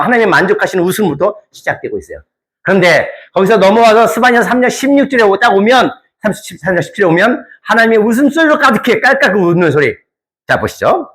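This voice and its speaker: A male pastor preaching a sermon to his congregation, swinging from hushed lines to emphatic, near-shouted ones and putting questions to the listeners. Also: high-pitched.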